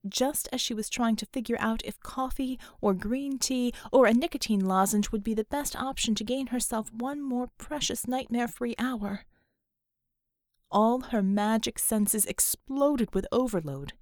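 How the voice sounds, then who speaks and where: A woman reading a story aloud as an audiobook narrator, unhurried and expressive. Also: on the high side, dry recording, studio quality. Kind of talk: scripted narration.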